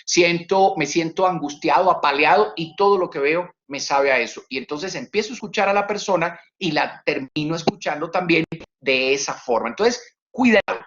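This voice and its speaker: A man giving a webinar lecture on communication, talking in an animated way that swings his voice high and low to demonstrate tone and repeats words for emphasis. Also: normal speed, highs cut off. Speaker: communication trainer.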